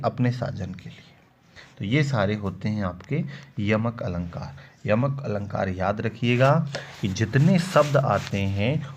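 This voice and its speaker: Man teaching in a slow, patient way. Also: mid-range voice. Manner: explains slowly, quotes verse examples in a drawn-out recital; repeats key terms, asks and answers his own questions. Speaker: Hindi grammar teacher. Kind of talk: classroom-style lesson. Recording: dull lo-fi sound with faint background noise.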